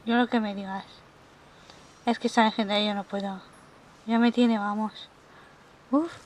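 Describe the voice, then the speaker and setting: A woman's voice: mid-range voice, moderate pace, slight background noise. A woman from Spain with a Spanish accent, streaming a game and chatting with lots of exclamations. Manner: chatty and expressive, with frequent exclamations. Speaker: gaming streamer. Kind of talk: live-stream chat.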